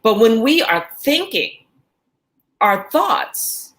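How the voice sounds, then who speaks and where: A woman's voice: a little high, very animated, takes it slowly, a bit bright. Woman host explaining with analogies. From New York. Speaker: life coach and host. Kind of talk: casual podcast chat.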